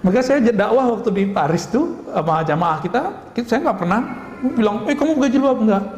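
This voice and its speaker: A man preaching a lively sermon and asking the audience questions, now and then acting out scolding voices. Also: high voice, brisk, slight background noise. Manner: animated, acts out scolding voices, laughs. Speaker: Islamic preacher. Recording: echoey hall recording with ambience.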